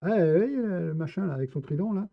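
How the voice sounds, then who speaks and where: A man's voice: high voice, expressive, a little fast, creaky, no echo. A man giving casual gameplay commentary, chatty and playful, talking straight to his viewers. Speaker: streamer. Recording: tinny phone-like, dry sound.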